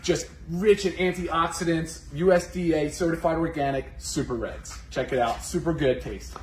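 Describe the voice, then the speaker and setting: An upbeat man with a slightly high voice delivers a casual, emphatic product pitch. The sound is strongly echoey and a bit noisy, as in a large indoor storage space. He sells like a co-presenter who knows the formulas. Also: normal speed. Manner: upbeat, salesy, emphatic praise. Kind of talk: casual promotional product talk. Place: indoor warehouse. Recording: echoey, noisy room, distant mic.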